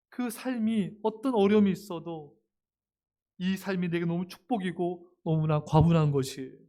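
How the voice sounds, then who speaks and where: A man preaching a sermon with a notably high-pitched voice. He speaks straight to his listeners, animated and expressive, and slips into playful acted-out remarks to drive his points home. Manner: addresses the congregation directly and often; animated, acts out everyday quotes with humor. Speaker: pastor.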